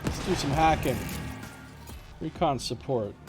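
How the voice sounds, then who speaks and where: A man's voice: a little high, unhurried. A man streaming a video game with casual play-by-play commentary. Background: game music and sound effects.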